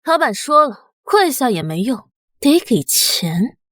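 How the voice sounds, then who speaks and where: A woman's voice: high voice, very animated, a little slow, a bit bright, no room sound, clean studio sound, exaggerated voice. A woman voicing an earnest young shop assistant who reveres her boss, in a motion comic.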